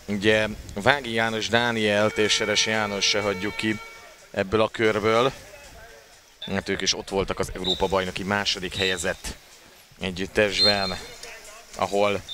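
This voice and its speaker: A man giving live water polo play-by-play commentary as a sports commentator. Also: lowish voice. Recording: clear background noise of an outdoor venue.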